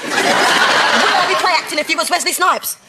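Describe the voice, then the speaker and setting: An actress playing a playful, dramatic young wife in a sitcom. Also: female voice, very high-pitched, moderate pace, over a noisy crowd. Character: playful, romantic young wife teasing her brother. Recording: loud studio audience and noise.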